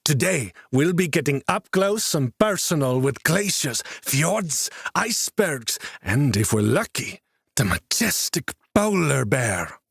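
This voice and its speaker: A man doing a booming, cheerful tour guide. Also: very animated, slow pace, creaky, a bit bright, breathy edge, no echo, clean studio sound, heavily acted. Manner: booming, enthusiastic announcing.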